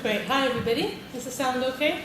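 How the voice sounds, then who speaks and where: This is a high-voiced, fast-talking British woman, a teacher trainer delivering a friendly conference talk. She polls the audience and says "okay" a lot. The large hall makes the audio echoey, and the distant mic adds noise.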